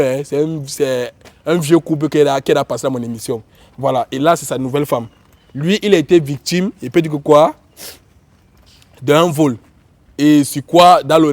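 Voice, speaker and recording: He's a YouTube show host with a Cameroonian accent, suffering from a cold and talking to viewers and guests in an informal, repetitive style. The voice is mid-range and darkish, captured in a dry recording.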